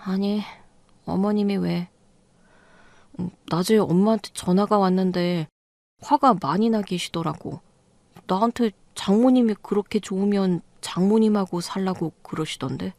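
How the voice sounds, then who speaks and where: A woman's voice: medium pitch, moderate pace, vocal fry, darkish tone, no room sound, natural voice. A woman narrator voicing a clueless, defensive husband who pleads that he meant well, in a storytelling radio reading.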